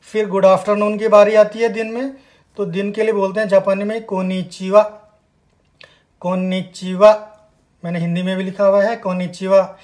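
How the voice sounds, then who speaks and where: Emphatic higher-pitched male language teacher. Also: level tone, darkish tone. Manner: slow, emphatic repetition of words. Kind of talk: spoken language lesson.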